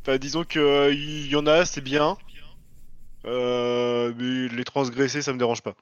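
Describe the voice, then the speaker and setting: Man, average pitch, dry sound, tabletop player, casual joking banter. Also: flat delivery, unhurried, clean tone, no echo, highs cut off.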